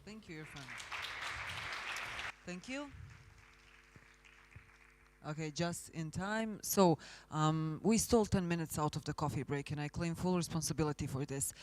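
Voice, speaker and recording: A somewhat high-pitched man moderates a conference panel, polite and lightly joking. He keeps things moving as he calls on the audience for questions. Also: measured pace, long pauses, darkish tone, a faint crowd, a little hiss or hum. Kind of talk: moderating a forum. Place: conference hall.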